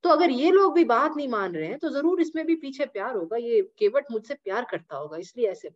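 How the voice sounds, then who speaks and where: A woman teaching a scripture class, retelling the story in an animated way with English asides, in a dull lo-fi recording. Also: on the high side, brisk.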